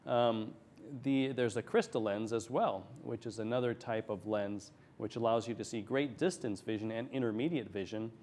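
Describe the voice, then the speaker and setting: A man's voice: on the low side, normal speed, a little mellow. A man speaking as a medical expert in a TV interview, explaining things plainly and step by step. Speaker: eye surgeon, interview guest. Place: TV studio.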